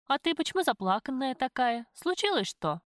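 A woman's voice: a little high, normal speed, no echo, clean studio sound, voice pushed up. Woman doing a brash, chiding young waitress. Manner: lively, blunt, chiding. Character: brash streetwise young waitress, blunt and mocking. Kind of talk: audiobook character voice.

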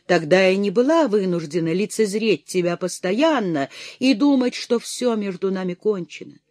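A reader voicing a tearful, pleading young lover. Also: female voice, medium pitch, expressive, normal speed, darkish tone, no room sound, clean studio sound, close to an everyday voice. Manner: pleading, emotional. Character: passionate tearful young woman, jealous lover. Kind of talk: audiobook character voice.

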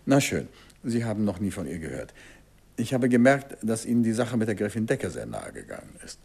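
This male actor's detective, a persistent yet courteous middle-aged man from a 1950s German radio drama, asks his questions softly and insistently with husky gravel in his voice. The lowish voice is sing-song and exaggerated, moving a little fast in a probing mood.

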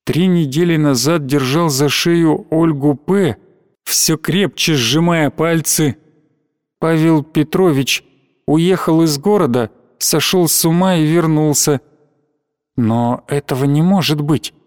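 Guy narrating an audiobook, kinda high voice, dry close mic, steady pace. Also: slow pace, no echo. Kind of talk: scripted narration.

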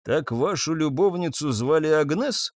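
A man playing a calm male investigator asking level questions. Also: fairly high pitch, unhurried, dry recording, clean studio sound, voice pushed up.

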